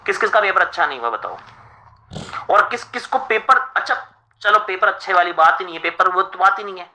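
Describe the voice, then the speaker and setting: A man's voice: high voice, expressive, fairly quick, bright, forceful tone, poor audio. A man who teaches for exams, talking casually on a live stream to students, chatty and full of rhetorical questions. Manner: chatty, addresses listeners as friends, rhetorical questions. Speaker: exam coaching teacher.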